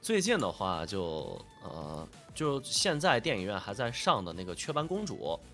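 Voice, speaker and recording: A man sounding bunged up and nasal with a cold gives casual interview answers as a guest voice actor, describing his dubbing work with modesty, self-deprecation and repeated phrases as he thinks aloud. His lowish, fairly bright voice swoops wildly in pitch at a normal pace, with faint music behind.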